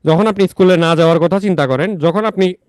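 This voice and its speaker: A young man teaching an exam-prep literature class in a fairly high voice. He repeats key facts and slips into joking chatter with his students. The recording is close and dry. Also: fast talker, smooth, dry recording. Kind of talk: live online lecture with banter.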